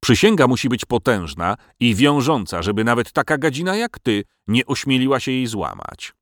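A man's voice: mid-range voice, very animated, normal speed, dry recording, clean studio sound. A man voicing a pompous village parson laying down terms in a storybook reading. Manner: solemn, pompous.

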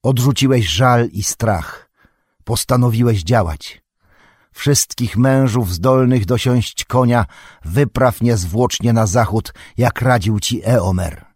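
A man voicing a wise old wizard who gives measured counsel in an audiobook. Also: medium pitch, darkish tone, slightly rough, dry recording, studio quality. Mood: advising. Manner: measured, advising.

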